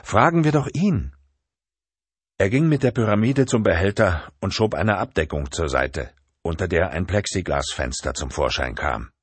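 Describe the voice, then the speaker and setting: Deep husky male narrator, tense dramatic thriller reading. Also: expressive, normal speed, no room sound. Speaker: audiobook narrator.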